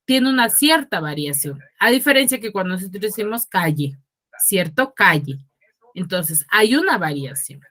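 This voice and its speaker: Peruvian lady from huaraz teaching over a video call, highish voice, keeps asking the class if they follow. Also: a bit bright. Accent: Peruvian Spanish from Huaraz. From Peru. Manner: checks in constantly with tag questions; questions students by name. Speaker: secondary school teacher. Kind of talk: online class lecture.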